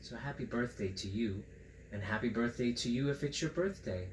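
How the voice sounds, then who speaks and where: A man with a medium-pitched voice at normal speed reads aloud and chats with children, acting silly, playful and theatrical as a children's story host. The recording has a roomy echo and clear background noise.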